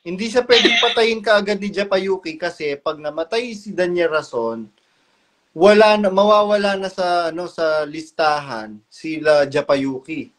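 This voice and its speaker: A man hosting a casual live-stream chat, relaxed and asking questions. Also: high voice, normal speed.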